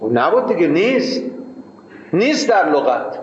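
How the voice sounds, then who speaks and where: Male seminary teacher, high voice, argumentative, rhetorical questions, echoey dull recording with faint noise. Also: sing-song. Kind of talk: informal lecture to students.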